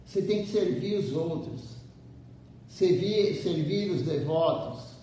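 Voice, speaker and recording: A temple speaker with a fairly high, dark-toned voice preaches a slow devotional sermon, pressing his listeners and repeating key phrases over and over. He is far from the microphone in a very echoey temple hall, with a faint low rumble beneath.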